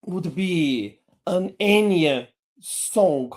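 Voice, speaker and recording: Teaching hypnosis online in English, this Portuguese-speaking man keeps a slow, deliberate pace. His intonation moves energetically up and down.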